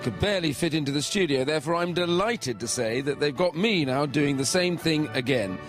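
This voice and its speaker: A man hosting a live radio show, brisk and chatty as he greets a line of guests in the studio. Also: a little high, lively intonation, soft background music. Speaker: radio host. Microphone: studio microphone.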